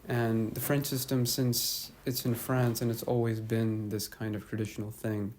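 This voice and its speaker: A man's voice: medium pitch, level tone, normal speed, a little mellow, slight background noise. A young man hosting a casual interview, easygoing and affirming as he talks. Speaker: host.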